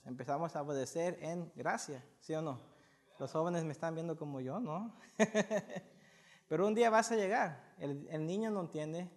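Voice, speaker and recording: A man preaching a sermon to his congregation, impassioned, repeating words and putting questions to his listeners. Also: on the high side. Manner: impassioned, repeats words, rising loudness, asks the audience questions.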